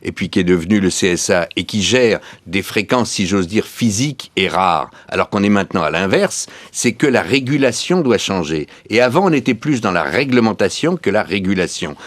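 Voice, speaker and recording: Lively low-voiced French man explaining. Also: normal speed, few pauses, no echo. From France. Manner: explanatory, builds points with everyday comparisons. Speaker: studio guest. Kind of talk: radio interview answers. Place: radio studio.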